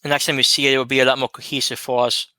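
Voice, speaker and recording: Measured male co-host with a bright, smooth, resonant voice. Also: medium pitch, level tone, no echo. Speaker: podcast co-host. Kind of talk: casual chat.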